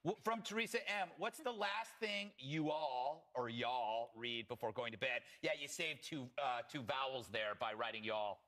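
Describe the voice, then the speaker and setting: A man's voice: mid-range voice, normal speed, hardly any pauses, pushed and bright. A man hosting a panel talk show, teasing his co-hosts with wry jokes.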